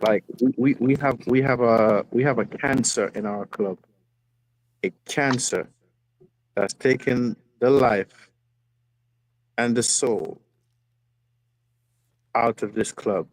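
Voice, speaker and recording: This caller talks slowly in a mid-range voice, pausing often as he passionately vents about football on a fan stream. He repeats phrases for emphasis in a casual way over a phone video call. Poor audio carries a little hiss or hum.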